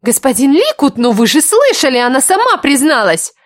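A woman voicing a spiteful young female rival who shouts her accusations. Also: sing-song, normal speed, no echo, studio quality. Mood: shrill. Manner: shrill, shouting.

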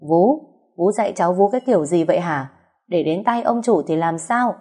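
Woman doing stern scolding mother-in-law, southern vietnamese accent, low mellow tone. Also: brisk, lightly acted. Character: stern older mother-in-law, head of house.

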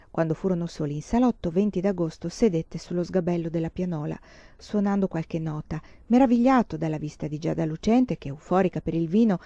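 Woman reading a novel aloud, calm and measured, dull dry lo-fi sound. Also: lowish voice, dry recording. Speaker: audiobook reader. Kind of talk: literary audiobook narration.

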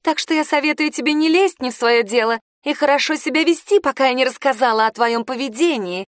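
A woman's voice: sits high, fairly quick, dry recording, studio quality, voice pushed up, lightly acted. A woman doing a sneering mean teen girl. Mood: furious. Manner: sneering, venomous.

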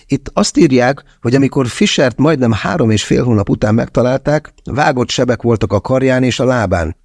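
Man doing a curious young woman, raised pitch, husky, dry audiobook. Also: lively intonation, a little mellow, no echo. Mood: intrigued.

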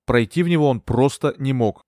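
A man reading a thriller audiobook in steady, even storytelling narration. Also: medium pitch, brisk, no echo, studio quality. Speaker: audiobook reader. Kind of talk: scripted narration.

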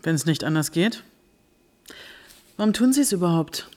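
An impulsive, lively reporter. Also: female voice, fairly low pitch. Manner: impulsive, quick, probing questions. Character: impulsive, curious woman reporter. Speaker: journalist. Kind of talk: radio drama acting.

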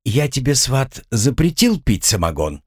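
A man voicing a calm, unflappable young man who talks with dry irony. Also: medium pitch, moderate pace, no echo, pitched above the performer's own voice. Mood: ironic.

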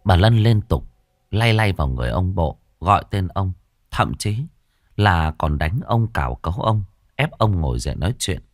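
A man narrating a ghost story audiobook in a dramatic, expressive way, close to the mic. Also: sits low, moderate pace, no room sound.

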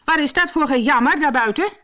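A woman voicing a sharp-tongued farmer's wife, shrill and loud. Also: a little fast. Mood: annoyed.

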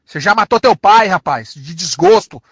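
Furious high-voiced man with a São Paulo accent. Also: animated, a bit bright, slightly rough, no room sound. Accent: São Paulo Portuguese. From São Paulo, Brazil. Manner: aggressive, insulting, repetitive, drawn-out threats. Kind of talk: angry threatening rant.

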